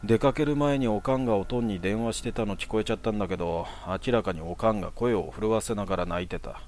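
A young man telling a personal horror story in a hushed, casual way. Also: on the low side, fast talker, slight background noise.

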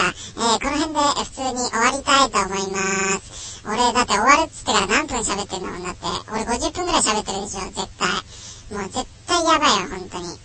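A man's voice: extremely high pitch, background noise. A man talking casually through a voice changer while reading comments, grumbling and mocking himself. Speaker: streamer reading viewer comments. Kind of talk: casual chat.

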